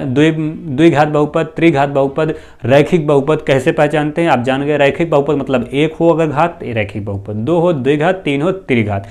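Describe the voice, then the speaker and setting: A male math teacher giving a slow, repetitive classroom lesson, posing questions to the students and answering them himself. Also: on the high side, a little mellow. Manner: often adds "bhaiya" and "theek hai na".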